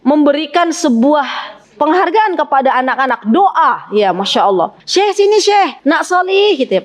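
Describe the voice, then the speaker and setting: A woman giving a training lecture to teachers on teaching children the Quran, animated and often exclaiming in praise. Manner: acts out high, lively calls to children.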